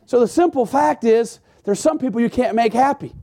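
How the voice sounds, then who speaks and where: A man as pastor, preaching a sermon with frequent halting restarts and repeated words. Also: very high voice, warm tone.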